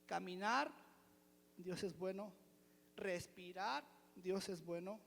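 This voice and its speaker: A man's voice: sits high, slow, vocal fry, fairly bright tone, in a large hall, slight background noise. A man, from the church's pastoral team, giving an emphatic testimony sermon. He keeps returning to one refrain and asks his listeners rhetorical questions. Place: church hall.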